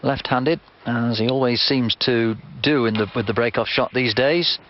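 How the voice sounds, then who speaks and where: A man's voice: medium pitch, fairly even intonation, moderate pace. A man giving live commentary on a snooker match from the arena. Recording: noisy, muffled TV broadcast sound.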